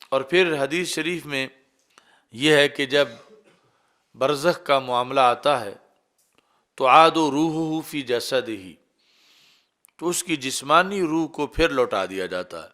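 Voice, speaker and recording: Man giving a measured religious lecture. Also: medium pitch, fairly bright tone. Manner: measured explaining, breaks into brisk Arabic recitation. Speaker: Islamic scholar.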